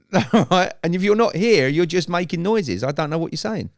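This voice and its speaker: A man's voice: high-pitched, animated, moderate pace, no room sound, clean studio sound. A man co-hosting a podcast in casual chat, teasing and laughing often. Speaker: podcast co-host.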